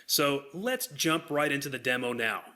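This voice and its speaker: A man hosting a software demonstration, walking through it in an upbeat sales manner. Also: medium pitch, animated, normal speed. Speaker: software demo host. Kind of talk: product demonstration.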